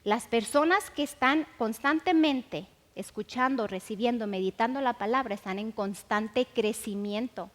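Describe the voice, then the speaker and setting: A woman gives a sermon in a fairly high voice, slowing down to stress and repeat her key phrases. She restarts often mid-sentence. Her voice rings with the long reverb of a large hall. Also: fairly bright tone. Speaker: Bible teacher. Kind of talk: sermon teaching.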